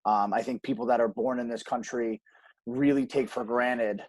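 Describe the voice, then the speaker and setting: A man's voice: medium pitch, fairly even intonation, moderate pace, dry recording. Emphatic man in a dry interview. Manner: earnest, emphatic, frequent restarts and ums. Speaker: podcast guest, gym co-owner. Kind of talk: conversational interview.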